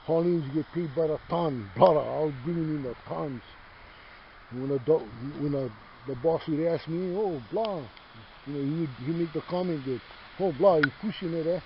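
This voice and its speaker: A man's voice: a little high, fairly quick. A middle-aged man from Hawaii's Big Island with a Hawaiian Pidgin accent, talking casually outdoors in his yard, rambling, swearing freely and calling the listener brother. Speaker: host. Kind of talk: casual chat. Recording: dull lo-fi sound with faint noise.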